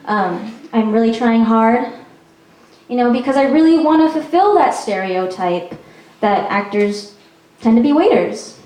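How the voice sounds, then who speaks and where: Performing comedy in a small, echoey venue, a young woman from Peru is chatty and self-deprecating, with plenty of ums. Her voice is a little high and animated with a darkish tone and a slightly slow pace, captured on a distant mic.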